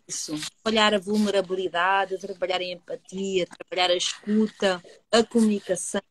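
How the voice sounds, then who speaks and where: A woman with a European Portuguese accent, a hypnotherapist co-hosting a live discussion, earnest and measured, who asks rhetorical questions and then answers them. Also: medium pitch, steady tone, a little hiss or hum. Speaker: co-host, hypnotherapist. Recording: dry close sound.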